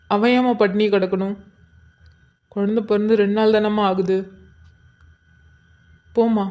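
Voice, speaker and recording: A woman's voice: medium pitch, mellow, natural voice. Woman playing a wounded young husband, tearful, mid-toned, muffled lo-fi sound. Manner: emotional, tearful. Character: grieving young husband, hurt and pleading. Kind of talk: cartoon voice acting.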